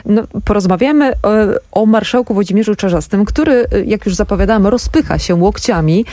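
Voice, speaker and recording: A woman's voice: medium pitch, expressive, brisk, mellow, no room sound. A woman hosting a political radio talk show, introducing guests and asking questions with frequent hesitation fillers. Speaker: radio host. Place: radio studio.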